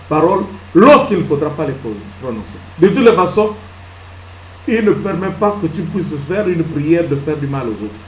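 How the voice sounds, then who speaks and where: A male pastor preaching a sermon, swinging from loud emphatic peaks to hushed asides and answering his own questions. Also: a little high. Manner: asks the congregation questions and answers them himself. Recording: echoey hall with faint ambience.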